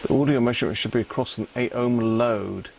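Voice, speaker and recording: A British man gives casual live commentary from his repair bench, half muttering to himself and tacking on tag questions. He speaks quickly in a gravelly, slightly mellow medium-pitched voice, with slight background noise.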